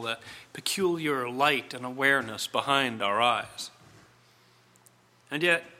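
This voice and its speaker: A middle-aged man delivering a reflective sermon, speaking in deliberate, measured phrases with dramatic pauses. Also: a little high, pushed and bright. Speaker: preacher.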